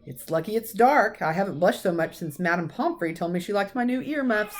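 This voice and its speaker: A woman voicing a gentle, calm, whimsical old male wizard in a storybook reading. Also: mid-range voice, a little fast, voice pushed up, close to an everyday voice. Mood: calm, amused.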